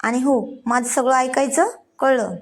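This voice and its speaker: A woman's voice: sits high, fairly even intonation, unhurried. A woman voicing an affectionate, teasing young husband in a read-aloud story, coaxing and playful in manner.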